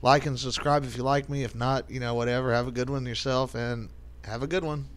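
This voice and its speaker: A man's voice: medium pitch, fairly even intonation, fairly quick, a little hiss or hum. A man hosting casual reaction commentary, rambling and blunt, with sarcasm and swearing. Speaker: commentary channel host.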